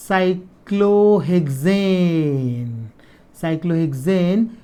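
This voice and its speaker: A man's voice: high voice, a little mellow. Chemistry teacher, man. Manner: repeats key terms slowly, asks students "clear?". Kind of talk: casual classroom lecture.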